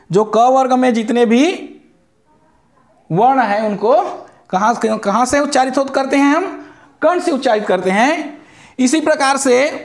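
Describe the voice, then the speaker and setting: A male teacher giving a lesson on letters and sounds, drawing out each syllable and answering his own questions. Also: very high-pitched. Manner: explains slowly, asks questions and answers them himself. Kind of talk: classroom lesson on Hindi letters. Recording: echoey room.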